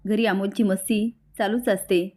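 A woman reading the lines of a kindly older male household helper in a serial recap, speaking warmly and respectfully. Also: mid-range voice, fairly even intonation, normal speed, natural voice.

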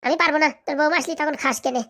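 A woman voicing a bossy, sharp-tongued cartoon wife who scolds and insults her husband. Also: high-pitched, fairly even intonation, very fast. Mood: scolding. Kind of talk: comic cartoon dubbing.

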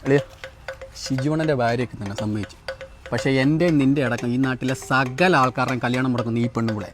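An actor playing a gossipy friend in a comic short film. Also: male voice, medium pitch, fairly even intonation, quick pace, over music, lightly acted.

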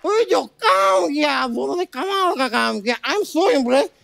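A man's voice: very high-pitched, expressive, measured pace, vocal fry, fairly bright tone, no echo, faint music behind, full character voice. A man playing a bumbling, pompous middle-aged lawyer in a studio comedy sketch, fumbling English idioms with mock confidence. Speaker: comic character. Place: television studio stage. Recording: studio audience and noise.

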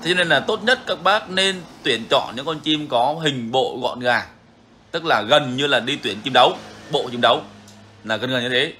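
A man's voice: medium pitch, expressive, moderate pace, pushed and bright, slight background noise. A man hosting a bird-keeping channel, talking casually and frankly to viewers, repeating himself often. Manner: frank, repetitive, chatty.

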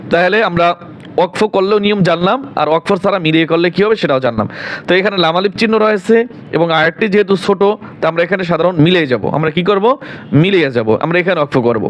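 A man teaching Quran reading, spelling out syllables one by one and then reciting them in a patient, drawn-out sing-song. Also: high-pitched, animated, slight background noise. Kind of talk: spelling out and reciting verses slowly.

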